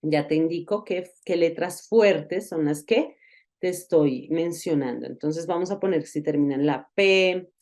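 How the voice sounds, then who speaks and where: Slow, patient woman teaching a lesson. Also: low voice, darkish tone. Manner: patient, explanatory, repeats example words slowly. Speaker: English teacher. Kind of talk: recorded online lesson.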